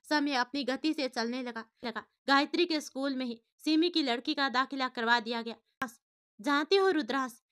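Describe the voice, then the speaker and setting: Bright high-voiced woman narrating a story. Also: clean tone.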